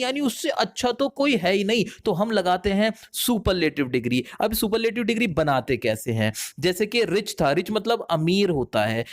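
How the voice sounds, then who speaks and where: A man teaching an English grammar lesson online, lively and chatty with his viewers. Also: high-pitched. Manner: lively, addresses viewers as friends.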